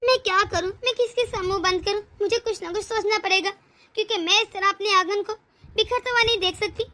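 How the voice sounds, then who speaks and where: A woman's voice: very high-pitched, quick pace, pushed and bright. A woman voicing a worried elderly mother-in-law who broods and frets over her family in a cartoon story. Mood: fretful. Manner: brooding, fretful.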